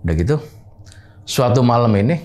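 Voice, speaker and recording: A man's voice: mid-range voice, brisk. A man, casually recounting a horror story from his boarding house and acting out what people said. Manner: animated retelling, acting out quoted dialogue.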